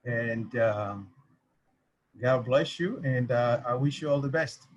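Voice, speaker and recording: A man's voice: mid-range voice, slow pace, lo-fi sound. A man from the Congo speaking in an online meeting, with many hesitant fillers. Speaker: meeting participant. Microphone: video call.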